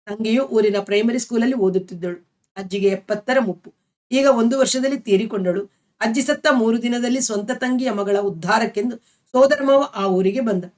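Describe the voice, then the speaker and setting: A woman storyteller reading a novel aloud in a measured, expressive way. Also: a little high.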